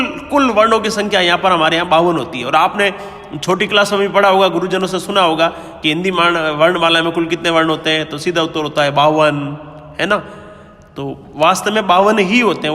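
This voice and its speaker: A man's voice: high-pitched, pushed and bright, big-room sound. A man teaching Hindi grammar in a lecture, explaining patiently and often checking in with his students. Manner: explains patiently, keeps asking "है ना?" and "ठीक है?". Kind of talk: classroom-style grammar lecture.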